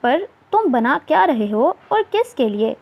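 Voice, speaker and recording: A caring, anxious middle-aged mother, as a woman narrator puts her on in a storybook reading. The voice is fairly high and the sound is dull and lo-fi. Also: sing-song, a little slow, slight background noise, exaggerated voice. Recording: dull lo-fi recording.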